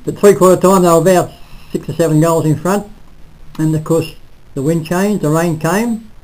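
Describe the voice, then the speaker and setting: An older man reviewing a local football match in casual, halting talk full of restarts, recorded on a close webcam in a small room. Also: fairly high pitch, steady tone, darkish tone, poor audio. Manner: rambling, halting, self-correcting. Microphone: webcam at close range.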